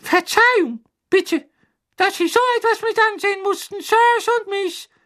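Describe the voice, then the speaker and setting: A man voicing a timid, servile house elf in a squeaky, humble, apologetic voice for an audiobook. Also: measured pace, sharp tone, exaggerated voice.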